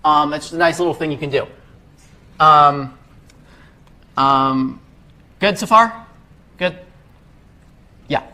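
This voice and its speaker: A young man with a high voice leads a casual live coding lesson in a classroom. He talks loosely, stacking fillers and restarting his sentences as he goes. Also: slow pace, long pauses, bright, forceful tone. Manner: casual, many fillers and self-corrections. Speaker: workshop instructor.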